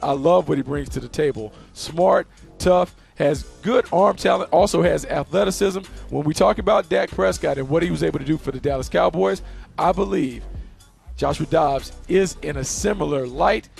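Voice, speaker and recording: Gravelly man talking football. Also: a little high, moderate pace, a little mellow, soft background music. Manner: smooth upbeat ad read, then analytical. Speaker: podcast co-host. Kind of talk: football podcast talk and ad read.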